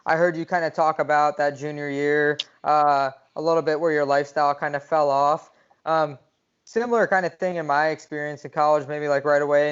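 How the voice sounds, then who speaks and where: Male podcast host, smooth slightly high voice, hesitant questions, lo-fi sound. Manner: hesitant, frequent "kinda" and "um". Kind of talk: interview questions.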